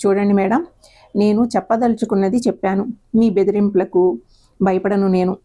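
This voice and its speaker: A woman voicing a calm, firm male college principal in an audio story, polite but unbending. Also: medium pitch, moderate pace, lightly acted.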